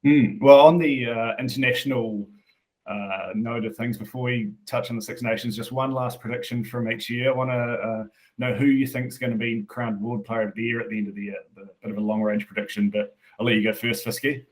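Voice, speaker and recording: A man hosting a casual sports podcast chat, moving briskly through the segments. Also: mid-range voice, steady tone, low-quality recording. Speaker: podcast host.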